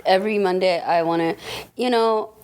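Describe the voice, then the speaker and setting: A woman's voice: medium pitch, moderate pace, a little hiss or hum. A woman in her thirties from Germany, chatting casually as a guest and laughing often as she tells stories. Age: 30s. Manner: laughing often, animated when telling stories. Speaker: guest barber. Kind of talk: casual chat.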